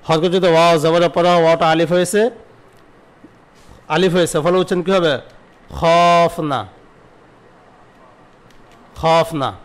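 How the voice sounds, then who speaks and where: A man with a somewhat high voice teaches an online Arabic grammar lesson. He poses questions and answers them himself, repeating word forms slowly.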